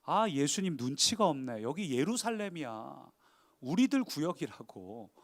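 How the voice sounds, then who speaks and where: A man's voice: on the high side, very animated, unhurried, exaggerated voice. A man voicing scornful male Pharisees, mocking and sneering, within a sermon.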